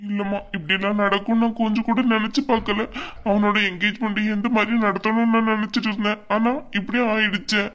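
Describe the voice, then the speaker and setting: A woman's voice: medium pitch, flat delivery, quick pace, fairly bright tone, muffled recording, natural voice. A woman voicing a frail old father lying sick in a hospital bed, speaking weakly and then stubbornly insisting. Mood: weak, grieving.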